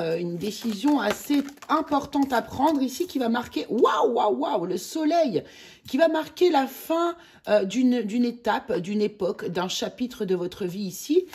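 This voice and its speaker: A woman from France giving a casual monthly tarot reading, chatty, with many hesitations and excited exclamations over the cards. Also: fairly high pitch, husky. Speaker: tarot reader.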